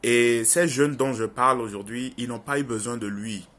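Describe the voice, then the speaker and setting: At a moderate pace, a young adult man with a mid-range, fairly bright voice shares his views with viewers in a casual monologue. This online video commentator has a Francophone African accent. He speaks earnestly and insistently, repeating phrases to stress his points.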